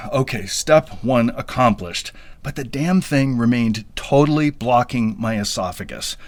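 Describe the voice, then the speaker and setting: A podcast storyteller from the US Midwest tells a funny first-person story about himself, wry, self-deprecating and playfully dramatic. His mid-range voice is expressive and measured in pace, recorded with no echo.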